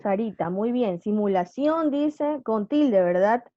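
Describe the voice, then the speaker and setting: A woman's voice: a little high, expressive, slow pace, dark tone, dry recording, highs cut off. A woman teacher giving a live online class, patiently quizzing her students with questions.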